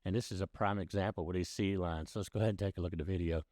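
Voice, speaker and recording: A man's voice: low-pitched, fairly even intonation, rapid-fire. A man hosting a boating news video in a casual, folksy way, talking straight to viewers. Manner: folksy, addresses viewers as guys.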